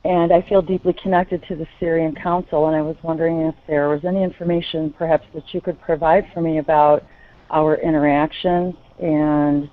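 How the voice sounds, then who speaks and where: A woman asking a question as a participant, speaking politely and earnestly in a measured way. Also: low-pitched, level tone. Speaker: audience member asking a question. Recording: thin phone-like lo-fi audio.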